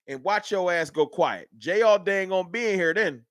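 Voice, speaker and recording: Heated and argumentative, a sports fan livestream host from Dallas, Texas goes at his chat in an animated rant. His high-pitched voice moves at a moderate pace, captured in studio quality without echo.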